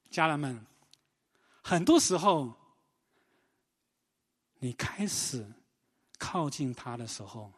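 A man pastor preaching a sermon in animated storytelling, often asking the congregation questions. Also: a little high, breathy edge. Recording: long reverb of a large hall.

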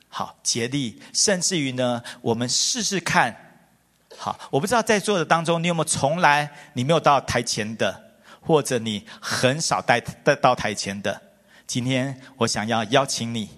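A middle-aged man preaching a sermon, telling stories with lots of repetition and calling the congregation forward. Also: fairly high pitch. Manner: animated, repetitive, storytelling. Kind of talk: sermon with altar call. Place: church hall. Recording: long hall reverb with faint music.

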